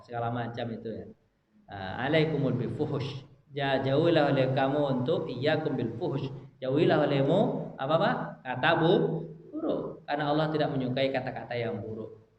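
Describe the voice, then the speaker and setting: Animated male preacher in an echoey mosque. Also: mid-range voice, slight background noise. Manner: animated, keeps addressing listeners as "Pak". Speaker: Islamic preacher. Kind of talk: mosque study lecture. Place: mosque hall. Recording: echoey hall, faint ambience.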